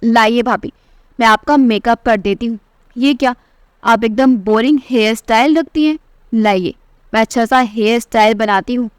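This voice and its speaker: A woman's voice: fairly high pitch, normal speed, smooth, dry recording, clean studio sound, close to an everyday voice. A woman voicing a spoiled, fashion-obsessed young sister-in-law who taunts with condescension. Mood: taunting.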